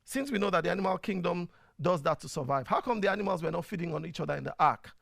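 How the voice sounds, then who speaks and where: A man with a Nigerian accent hosts a live online program, casually working through viewers' questions with lots of fillers. He talks fast in a high-pitched, expressive, creaky voice with a fairly bright tone, and the recording is dry and studio quality.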